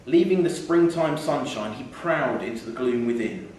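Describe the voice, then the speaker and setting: A man's animated, slightly mellow mid-range voice carries a literary short story at normal speed during a live reading in an indoor theatre. Faint noise and heavy echo come from the microphone being distant.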